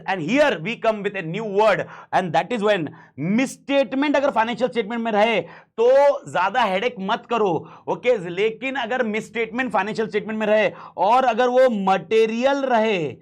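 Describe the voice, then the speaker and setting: A high-voiced Indian man with a slightly hoarse throat teaches an audit class. He is emphatic, drills key phrases again and again, and slips English terms into his Hindi. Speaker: audit lecturer. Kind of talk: classroom lecture.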